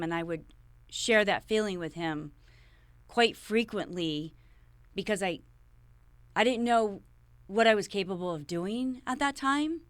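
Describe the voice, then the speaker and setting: A woman's voice: medium pitch, no echo. A middle-aged woman, a podcast guest, telling a personal story in a rambling way, often repeating and restarting her words.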